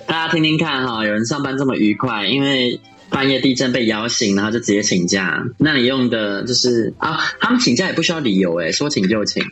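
A man's voice: medium pitch, lively intonation, a little fast, a bit bright, breathy edge. A man with a Taiwanese Mandarin accent hosts a casual chat on an overseas call, playfully teasing and making mock announcements to listeners. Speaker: podcast host. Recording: overseas call, faint music behind.

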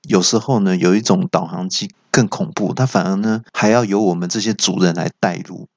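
A man with a Taiwanese Mandarin accent telling comic stories in a chatty monologue, stumbling and restarting with excited outbursts. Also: deep voice, fairly quick, no room sound. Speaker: stand-up comedian. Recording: slightly dull, dry recording.

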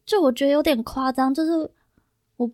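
A young woman in her twenties with a Taiwanese Mandarin accent, a podcast guest telling a story in an animated, rambling way full of fillers. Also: high voice, a little fast, dry recording, clean studio sound. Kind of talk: casual chat, storytelling.

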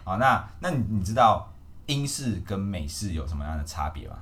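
Deep-voiced Malaysian man hosting a podcast. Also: very animated, a little fast, a bit bright. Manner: playful, chatty, mixes in English phrases. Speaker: podcast host. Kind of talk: casual chat.

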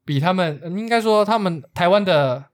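A man's voice: high-pitched, animated, normal speed. A man with a Taiwanese accent hosting a podcast, explaining things casually in an easygoing, jokey way. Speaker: podcast host.

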